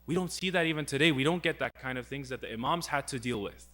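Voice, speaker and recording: A man's voice: medium pitch, quick pace, bright, forceful tone. A young man giving a religious talk, earnest and full of rhetorical questions as he retells a story. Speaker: speaker.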